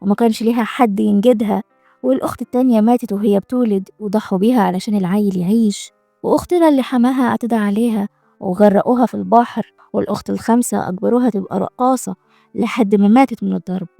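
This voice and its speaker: A woman's voice: medium pitch, quick pace, vocal fry, dark tone, dry recording, studio quality, faint music behind. A woman voicing a bold, defiant young heroine with an Egyptian Arabic accent, speaking mockingly.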